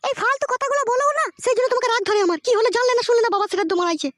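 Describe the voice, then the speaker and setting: A woman's voice: very high-pitched, steady tone, rapid-fire, a bit bright, no room sound, studio quality. A woman playing a worried village mother who scolds and pleads with her husband about their missing son, in a comic audio drama. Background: background music.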